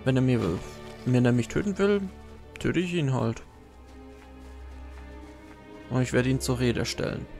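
A man's voice: mid-range voice, expressive, a little slow, gravelly, pauses often. A man casually commenting on his gameplay, chatting to himself and to the enemies he fights. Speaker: let's play commentator. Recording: game music loud behind.

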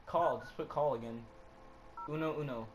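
A man's voice: a little high, moderate pace, dull audio, slight background noise. A young man joking around goofily during co-op gameplay commentary. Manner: goofy, joking, giggly. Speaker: gamer. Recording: game music behind. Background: game music.

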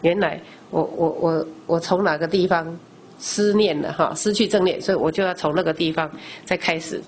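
Middle-aged woman lay teacher, slightly low voice, conversational Dharma lecture full of rhetorical questions; faint background noise. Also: steady tone, moderate pace. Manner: explains by asking rhetorical questions and answering them; frequent discourse particles, conversational teaching.

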